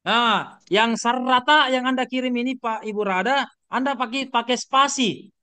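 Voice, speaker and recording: A middle-aged Indonesian-accented man lectures an online class, his voice pitched high and bright. He keeps questioning his students and circles back over the same points, filling the gaps with short fillers, all heard through a video call. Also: moderate pace, smooth. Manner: questioning, repetitive teaching with many fillers.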